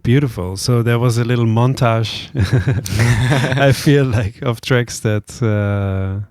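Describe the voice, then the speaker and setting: A man's voice: medium pitch, slow pace, darkish tone, dry recording. A man co-hosting a music radio show, chatting casually and hesitantly about the songs, often trailing off mid-thought.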